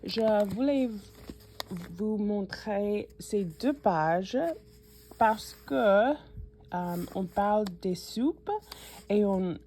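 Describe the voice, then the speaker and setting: A woman's voice: medium pitch, vocal fry, mellow, slight background noise. A woman from the New York suburbs with an American accent, a native English speaker, hesitantly walking viewers through a cookbook in a casual vlog. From United States (New York suburbs). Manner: hesitant, frequent fillers and self-corrections. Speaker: cooking channel host.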